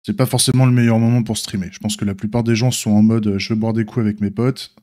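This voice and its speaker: A streamer and software developer gives a casual, unscripted stream update, thinking aloud in an informal, hesitant way. He has a slight lisp with slushy s sounds. His voice sits on the low side, steady and dark, and he talks fast.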